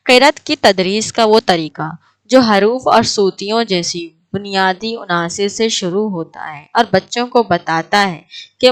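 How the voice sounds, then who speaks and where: A woman teaching an exam prep lecture, asking her class questions and then answering them herself. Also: medium pitch.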